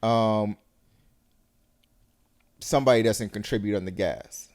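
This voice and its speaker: A man's voice: fairly low pitch, unhurried, a little mellow. A man co-hosting a podcast in casual discussion, probing and teasing while he sets up hypothetical scenarios. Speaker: podcast co-host.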